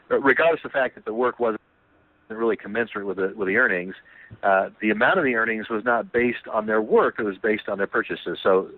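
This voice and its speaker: Over a tinny telephone line on a dry recording, a man with a lowish voice presents his company's plan on a conference call. He is earnest and repetitive, frequently restarting and using fillers.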